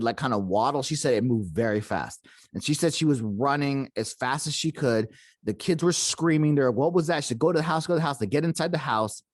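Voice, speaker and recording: A man's voice: medium pitch, no echo, studio quality. A man hosting a podcast, retelling a paranormal encounter in a casual, rambling way with many fillers and restarts. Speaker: podcast host.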